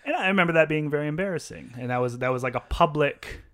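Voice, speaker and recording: A man co-hosting a podcast in casual chat, animated and laughing often, acting out quoted lines. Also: a little high, quick pace. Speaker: podcast co-host.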